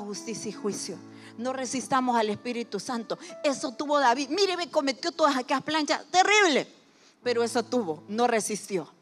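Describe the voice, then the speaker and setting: A woman preaching a sermon, animated, swinging from loud emphasis to hushed asides and acting out people's words in quoted voices. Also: sits high. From Honduras.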